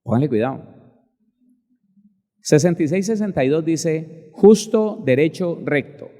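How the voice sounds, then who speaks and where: A male pastor preaching a sermon emphatically, spelling out words slowly and addressing listeners directly. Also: fairly high pitch, animated, dark tone, big-room sound.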